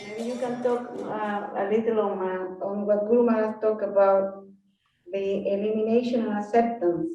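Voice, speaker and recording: A woman's voice: mid-range voice, steady tone, mellow, faint music behind. Woman, echoey as if in an echo chamber. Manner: hesitant, halting questions. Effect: echoey, hollow sound as if in an echo chamber. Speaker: participant asking questions. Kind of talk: casual group discussion over video call. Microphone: camera on a TV set far from her. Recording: echoey, dull, distant video-call audio with faint noise.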